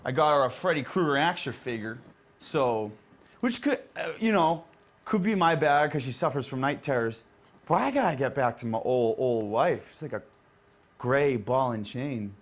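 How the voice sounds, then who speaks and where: A man's voice: animated, moderate pace, natural voice. A man playing a goofy, scatterbrained Santa Claus who rambles through a comedy bit. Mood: giddy rambling. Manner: rambling, high-spirited, distracted.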